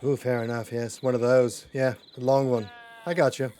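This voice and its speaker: A man's voice: mid-range voice, little pitch movement, moderate pace, dark tone, slight background noise. A man roleplaying a polite telegram agent, talking in a rambling, hesitant way with many fillers and restarts. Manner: polite, addresses others as sir. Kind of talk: in-character roleplay chat.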